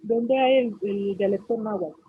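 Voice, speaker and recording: Husky teacher on a tinny line. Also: female voice, mid-range voice, measured pace, no echo. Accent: Mexican Spanish. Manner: explanatory, asks students frequent check-in questions. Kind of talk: online class lecture.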